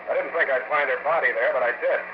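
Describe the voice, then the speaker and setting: An actor playing a wry, hard-boiled private detective in a 1940s radio drama, with dry, sardonic wisecracks, heard through an old wire recording. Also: male voice, medium pitch, fast talker, highs cut off, background noise.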